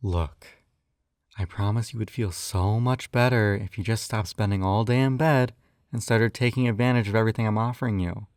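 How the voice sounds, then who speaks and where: In a clear, resonant, darkish voice on the low side, a man speaks at a moderate pace with a steady tone, performing an intimate scripted roleplay as a possessive, coaxing yandere captor and hypnotist. He's doting, slightly condescending, and often sighs, in clean studio sound with no room noise.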